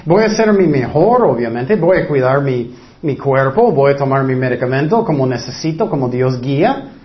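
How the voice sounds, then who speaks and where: A man's voice: animated, moderate pace, lo-fi sound. A middle-aged man preaching a sermon, earnest, often acting out fretful people. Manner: earnest, acts out worried people in high anxious voices.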